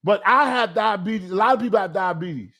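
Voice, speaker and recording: High-voiced man ranting as show host. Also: a little fast, bright, forceful tone. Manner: emphatic, fired-up ranting with repeated restarts. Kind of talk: casual chat.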